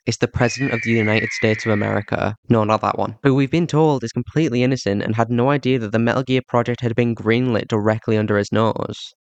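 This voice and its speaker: A man's voice: medium pitch, dry recording. A man with a thick Yorkshire accent giving video commentary as host of a game retrospective, recorded on a cheap microphone. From Yorkshire, England. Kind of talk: scripted commentary, turning to casual thanks to viewers. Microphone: cheap budget microphone.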